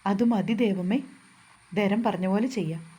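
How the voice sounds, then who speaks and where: A woman voicing a feisty, sharp-tongued young wife in a storybook reading, answering back with quick, indignant retorts. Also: mid-range voice, slightly rough, lightly acted. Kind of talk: storybook narration.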